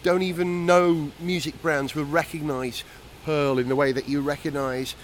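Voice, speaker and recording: A man hosting a podcast, chatting in a lively, jokey way while walking around a large drum warehouse. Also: fairly high pitch, normal speed, slight background noise. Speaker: podcast host. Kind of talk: casual on-location chat.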